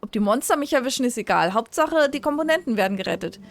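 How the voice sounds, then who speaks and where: A woman's voice: on the high side, lively intonation, fast, vocal fry, no room sound. Woman reading a scattered male scholar. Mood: worried. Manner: reads the lines aloud in a near-plain voice. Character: scattered male scholar obsessed with machine parts. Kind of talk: reading game dialogue aloud.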